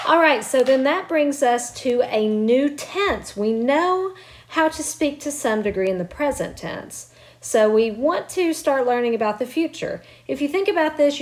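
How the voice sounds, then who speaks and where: A Spanish teacher records a remote grammar lesson at home with children nearby, explaining patiently step by step and encouraging her students. Her voice is fairly high, with slight background noise.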